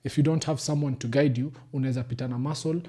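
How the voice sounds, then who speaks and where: Talking fast in a mellow, mid-range voice with a steady tone, a young Kenyan doctor appears as a podcast guest for a casual chat. He speaks Kenyan-accented English, explains things patiently, and occasionally uses Swahili phrases.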